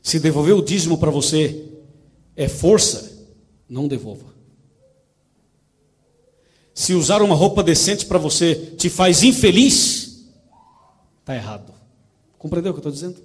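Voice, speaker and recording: Animated preacher man. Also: fairly high pitch, unhurried, long pauses. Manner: animated storytelling with rhetorical questions. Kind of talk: sermon with a storytelling parable.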